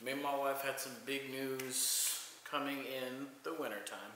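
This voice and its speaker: A man in his thirties delivers a rambling, filler-heavy home vlog in a medium-pitched voice that is steady, unhurried, bright and forceful. He shoots on a handheld phone at arm's length, moving from bedroom to living room indoors. The bare room gives a very echoey sound with faint noise.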